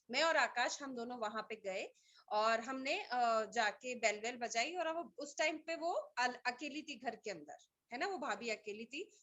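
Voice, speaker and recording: High bright energetic woman trainer. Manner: energetic, rallying, storytelling with quoted dialogue. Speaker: team trainer for a direct-selling business. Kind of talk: motivational team training talk.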